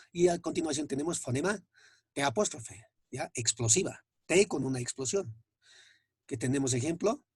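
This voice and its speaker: A man teaching a phonetics lesson, patient and repetitive, often checking in with a quick question as he goes through examples. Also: medium pitch, creaky, darkish tone, breathy edge, dry recording, clean studio sound.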